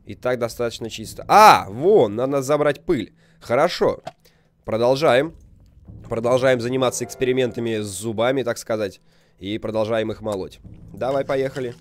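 A man's voice: mid-range voice, normal speed, a little hiss or hum. A young man giving casual, rambling, jokey video game commentary, reacting aloud and reading on-screen text. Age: young adult. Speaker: video game let's player.

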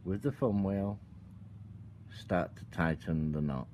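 Low, slow-spoken man giving calm step-by-step instructions. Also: slight background noise. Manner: calm, instructive, talks while working with hands. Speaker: product demonstrator. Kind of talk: step-by-step tutorial. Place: outdoor patio table.

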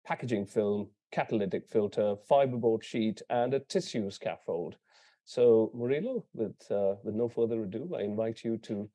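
Male host, mellow tone, reading a speaker intro from notes. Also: medium pitch. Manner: reads partly from notes, with small slips. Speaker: event host.

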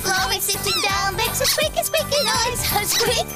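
A woman's voice: very high voice, expressive, normal speed, loud music behind the voice. A woman playing a cheerful, playful young female creature in a children's TV show, giggling and sing-songing. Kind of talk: children's TV character acting.

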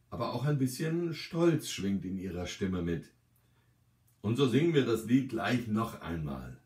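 A man calmly and gently reading a short story aloud as its narrator. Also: on the low side, recorded from a distance. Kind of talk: scripted narration. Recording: roomy, from the mic.

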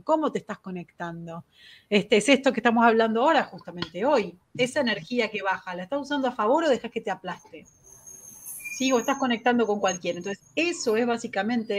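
A woman with a Rioplatense Spanish accent hosting a live-stream talk on spiritual growth. She talks fast and laughs at herself. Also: on the high side, a bit bright. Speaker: host.

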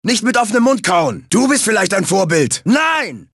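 Big dumb braggy bandicoot tough guy, video game cartoon voice, raspy n forceful, swings all over, shouty taunts. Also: high-pitched, sing-song, moderate pace, no echo, clean studio sound, heavily acted. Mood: indignant. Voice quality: raspy, gravelly. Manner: cocky, shouty, taunting, third-person bragging. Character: big brash muscular bandicoot bruiser, boastful and dim.

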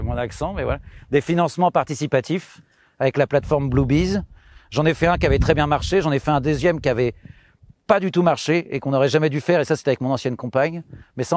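A man's voice: on the high side, a little mellow, no echo. Hesitant man in his thirties, farm tour. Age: 30s. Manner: hesitant, many fillers and restarts. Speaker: farmer giving a farm tour. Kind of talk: casual spoken explanation. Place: outdoors on a farm.

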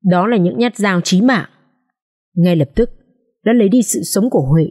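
A woman narrating a dramatic social drama audiobook in an expressive storytelling manner. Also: medium pitch, normal speed.

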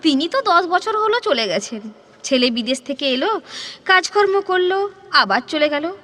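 Old-fashioned radio play: actress as elderly widow, very high girlish voice, animated lilt, plaintive and theatrical. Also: moderate pace, full character voice. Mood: sorrowful. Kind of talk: Bengali audio drama acting, like an old radio play.

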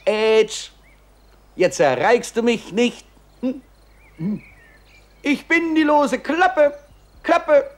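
A talking mouth, high voice, unhurried, cheeky, children's show. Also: male voice, sing-song, exaggerated voice. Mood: eager, cheeky. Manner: playful, scolding, exclamatory. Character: chatty talking mouth, cheeky and eager to talk. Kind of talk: children's television acting.

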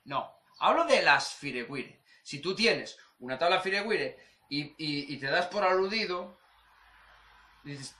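A man from talks casually to his surf channel, circling back over his points and putting on the voices of the people he quotes. His voice sits high and sounds bright and sharp. The room around him is echoey. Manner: rambling, repetitive, acts out quoted voices. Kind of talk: casual vlog monologue.

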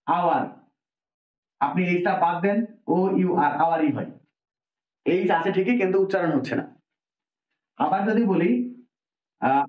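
Echoey Bangladeshi grammar teacher, man. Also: fairly high pitch. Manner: explains step by step, asks the listener questions. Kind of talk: spoken grammar lesson. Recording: echoey room, dull lo-fi sound.

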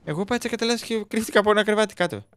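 A man's voice: high-pitched, fairly bright tone, smooth. A young man co-hosting a casual let's-play, teasing his friend and telling him where to go. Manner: teasing, bossy guide through the game. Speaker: gaming co-host.

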